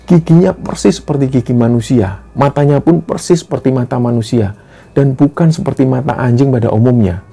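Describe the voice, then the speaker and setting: A man tells a horror story in a steady, earnest way, often opening a sentence with "nah". His voice is very dark and mellow, with a gravelly, creaky texture, at a mid pitch. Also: fairly quick. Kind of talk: storytelling narration.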